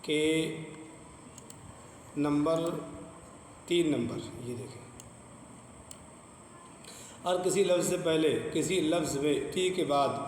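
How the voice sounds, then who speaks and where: Slow, patient man teaching in an echoey room. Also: a little high, darkish tone. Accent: Pakistani Urdu. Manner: slow, patient, repeats words and asks the class questions. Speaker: English teacher. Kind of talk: classroom lesson explaining pronunciation rules. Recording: echoey room with long reverb, faint ambient noise.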